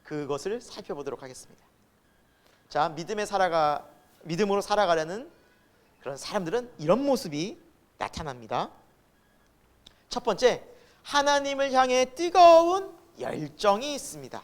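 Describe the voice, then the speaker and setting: A man preaching a Sunday sermon as pastor, asking the congregation rhetorical questions and acting out quoted voices, with sudden loud emphasis and soft asides. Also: high-pitched.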